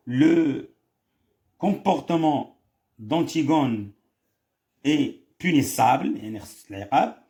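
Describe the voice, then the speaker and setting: Male teacher, Moroccan accent, gravelly and dark-toned, dictates slowly and explains fast. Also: mid-range voice. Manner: switches between slow, careful dictation and quick explaining; asks questions and answers them himself. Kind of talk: exam correction lesson.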